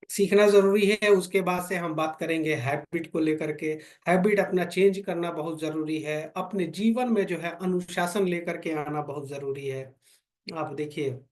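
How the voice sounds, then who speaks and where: A man giving a motivational business training talk to a small meeting, preaching and asking rhetorical questions with repeated phrases. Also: sits high. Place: meeting room with fifteen to twenty people.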